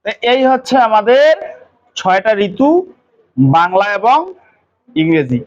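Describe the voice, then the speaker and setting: A man teaching an English pronunciation lesson to a class, quizzing students with quick questions. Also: high-pitched, big pitch swings, dull audio.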